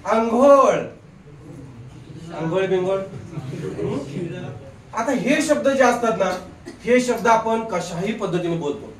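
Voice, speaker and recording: A man teaching a grammar class in a lively way. He quizzes his students, jokes with them, and. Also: sits high, takes it slowly, pauses often, far from the mic, crowd noise. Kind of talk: classroom lecture. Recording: echoey classroom recorded from afar.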